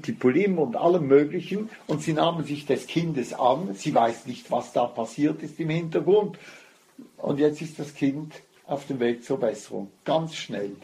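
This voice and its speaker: A man telling a religious story as a lecture, unhurried and weaving Hebrew phrases into his talk. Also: medium pitch, gravelly, warm tone, slightly rough.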